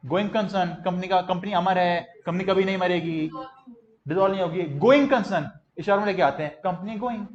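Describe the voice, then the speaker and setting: High-voiced energetic male teacher, lo-fi. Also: a little fast, roomy sound. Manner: energetic, leads students in call-and-response drills; mixes in English terms. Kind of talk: classroom lecture.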